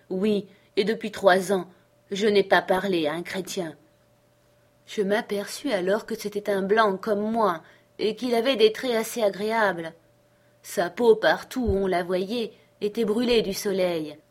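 Woman reading a classic novel aloud. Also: mid-range voice. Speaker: audiobook reader. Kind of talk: literary narration.

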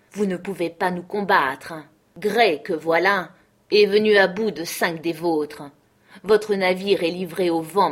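A stern sea captain who lays down orders in short, firm phrases, voiced by a woman reading aloud. He never softens. The tone is low and husky. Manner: firm, clipped commands. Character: stern male ship captain, commanding.

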